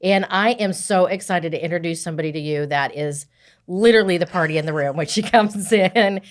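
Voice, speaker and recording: A woman in her sixties hosting a podcast, chatting warmly with her guest and often checking in with "right?". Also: fairly low pitch, fairly quick. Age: 60s. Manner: warm, affirming, often says "right?". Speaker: podcast host. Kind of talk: casual interview chat.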